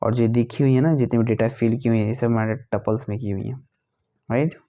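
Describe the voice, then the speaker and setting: A man's voice: medium pitch, steady tone, fairly quick, dark tone. A male teacher explaining a lesson, repeating each question and answering it himself, often correcting himself mid-sentence.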